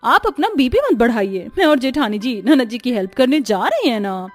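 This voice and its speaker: A woman's voice: on the high side, big pitch swings, normal speed, soft background music. A woman voicing a cheeky young wife in a cartoon story, teasing and squealing.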